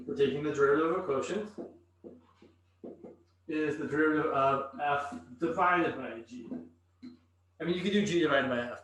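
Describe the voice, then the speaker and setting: A man teaching calculus in a lecture, thinking aloud as he writes on the board. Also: a little high. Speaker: math instructor. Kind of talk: recorded classroom lecture. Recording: echoey room, voice from a distance.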